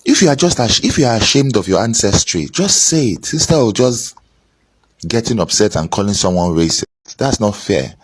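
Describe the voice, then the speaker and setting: A man's voice: on the low side, sing-song, moderate pace, breathy edge, dry recording. A young man bluntly scolding his audience on camera indoors, using an earphone mic. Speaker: commentator. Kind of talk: opinionated rant to camera. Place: indoors, small room. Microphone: wired earphone mic.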